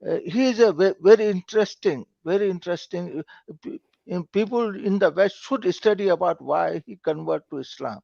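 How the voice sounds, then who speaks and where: A man calling in to a live call-in show over a call line, speaking haltingly in simple, broken phrasing with many repeated words. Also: high-pitched, gravelly, dark tone, dry recording. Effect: call-in caller heard over a lo-fi call line. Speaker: call-in caller. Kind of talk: casual debate on a call-in stream. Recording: dull lo-fi call audio.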